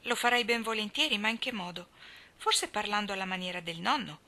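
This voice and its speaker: A woman reading aloud, voicing a small, gentle, serious boy who speaks eagerly. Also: medium pitch, animated, brisk.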